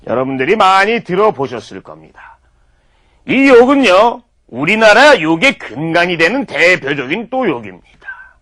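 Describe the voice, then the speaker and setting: A man's voice: high voice, big pitch swings, normal speed, pushed and bright. A man giving a mock-formal comedy lecture, peppered with profanity.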